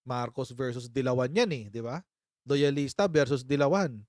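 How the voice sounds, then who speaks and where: A man's voice: medium pitch, moderate pace, dry recording, clean studio sound. A man hosting a casual political commentary live stream, chatty and sarcastic, often breaking into laughter and mocking his critics. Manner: sarcastic, mock-impersonates critics.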